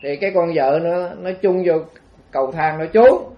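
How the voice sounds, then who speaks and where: High-voiced Southern Vietnamese monk storytelling. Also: male voice, lively intonation, normal speed, highs cut off. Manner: rambling, conversational, addresses the audience directly. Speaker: Buddhist monk teacher. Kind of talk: storytelling dharma talk.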